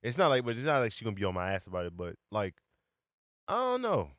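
A man in his late twenties in a casual chat, blunt and slangy, quick to agree. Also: lowish voice, wildly swooping pitch, fairly bright tone, dry recording, studio quality. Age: late 20s.

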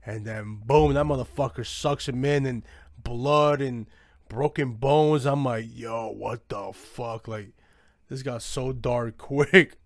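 A man's voice: mid-range voice, slow, no echo. Hyped frat-bro young man, dry close sound. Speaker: podcast co-host. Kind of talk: casual anime discussion chat.

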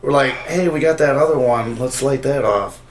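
A man's voice: mid-range voice, moderate pace, slight background noise. Laid-back, foul-mouthed man telling stories. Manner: laid-back, rambling, swears a lot. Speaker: podcast guest. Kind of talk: casual podcast chat.

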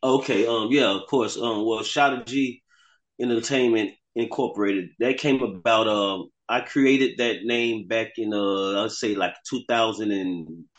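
A man from South Florida speaks in a fairly low voice, loose and unhurried. He hesitates often and fills pauses with ums as he talks casually about his work as a guest on a phone interview. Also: muffled recording. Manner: relaxed, hesitant with many fillers. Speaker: guest artist.

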